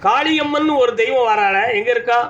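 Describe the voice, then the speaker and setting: A man's voice: very high-pitched, moderate pace, fairly bright tone. A man with a southern Tamil accent speaking as the deity at a village temple, giving commanding, scolding answers to devotees. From Tamil Nadu. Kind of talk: trance oracle addressing devotees. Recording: dull audio with faint background noise.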